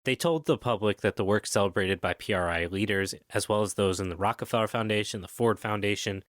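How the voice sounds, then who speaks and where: A man's voice: fairly low pitch, a little fast, dry recording, clean studio sound. A man hosting a podcast, recounting history in a casual, jokey way with swearing and tangents. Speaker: podcast host.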